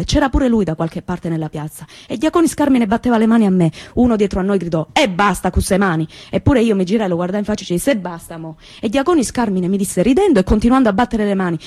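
An actress with a Calabrian accent playing a young woman from Reggio, telling her memories in a lively, colloquial theatrical monologue. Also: mid-range voice, no echo, clean studio sound, close to an everyday voice. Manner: lively storytelling, repetitive and colloquial.

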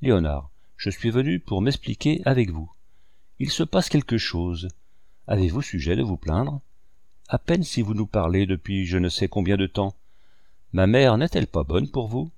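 Brief: reproachful, affectionate young woman in an audiobook read by a low-voiced man, dry close sound. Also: expressive, normal speed, creaky, a little mellow, no echo. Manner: indignant, pleading questions. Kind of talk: audiobook reading.

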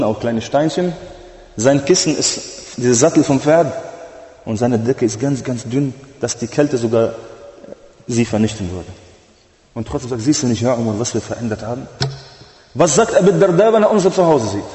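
A man's voice: mid-range voice, dark tone. A man giving a storytelling sermon, retelling old stories with fervent, rising emphasis and weaving Arabic religious phrases into his talk. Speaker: preacher. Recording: echoey hall with long reverb.

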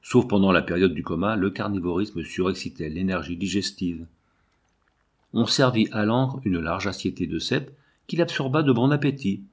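A man reading a novel aloud as an audiobook, with measured, literary narration. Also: lowish voice, husky.

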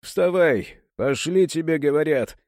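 Shaggy male henchman, sneering, crude, voiced by a man, dark dry tone. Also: on the high side, measured pace, dry recording.

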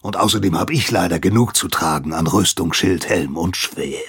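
A man's voice: low voice, normal speed, vocal fry, fairly bright tone, husky, full character voice. A man voicing a grim, uneasy warrior who answers with blustering sarcasm in an audiobook reading. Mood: defiant, sarcastic. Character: grim nervous warrior, defiant and mocking. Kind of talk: audiobook character voice.

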